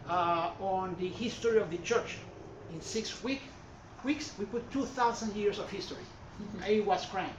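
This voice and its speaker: Speaking with a Puerto Rican Spanish accent, a high-pitched man from Puerto Rico presents on art history before an audience in a reverberant gallery hall. He wanders, backtracks to fix himself, and fills gaps with many fillers, all captured by a far-off room mic that sounds dull and noisy.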